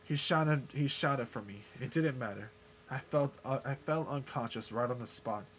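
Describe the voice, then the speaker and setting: A man with a mid-range voice streams a spooky visual novel live, reading its narration dramatically at normal speed and tossing in casual, sweary comments. Game music plays behind him, and there's a slight hiss or hum.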